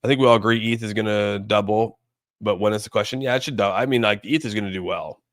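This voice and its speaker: A man's voice: on the low side, steady tone, fast talker, dry recording, clean studio sound. A man hosting a casual livestream, rambling informally and thinking aloud as he comments on markets and responds to viewers. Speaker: livestream host. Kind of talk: casual live chat commentary on crypto markets.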